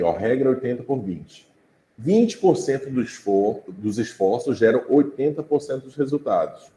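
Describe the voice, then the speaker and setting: A man with a Brazilian Portuguese accent leads an informal class, speaking conversationally and frequently checking in with his students. His voice is medium-pitched and dark, with slight background noise and a roomy echo.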